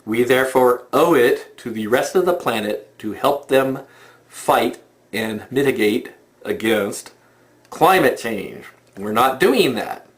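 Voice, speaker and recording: A man's voice: medium pitch, lively intonation, takes it slowly. A man giving opinion commentary in a sarcastic, mocking manner.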